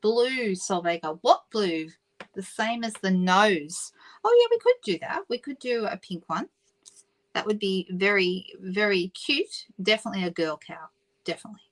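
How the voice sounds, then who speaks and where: In a rough recording, a middle-aged Australian woman leads a live papercraft stream at a moderate pace and medium pitch. She's chatty, correcting herself now and then and reading out comments from viewers while she crafts.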